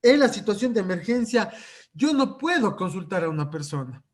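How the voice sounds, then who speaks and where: A man's voice: high voice, big pitch swings, moderate pace. A man lecturing at a conference on psychological first aid, checking in with his audience through frequent rhetorical questions.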